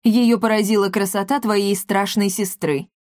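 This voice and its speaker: A woman's voice: mid-range voice, fairly even intonation, normal speed, a little mellow, no room sound, clean studio sound, close to an everyday voice. A woman voicing a cheerful, boastful and clueless father who is pleased with himself. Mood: blustering.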